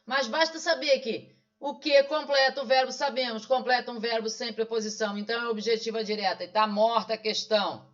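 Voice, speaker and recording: A man's voice: very high voice, steady tone, brisk, a bit bright. A man with a Brazilian accent working through exam questions as a teacher. He is didactic and poses questions, then answers them himself. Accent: Brazilian Portuguese. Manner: didactic, asks and answers his own questions. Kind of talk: online exam-solving lesson. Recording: dull lo-fi sound.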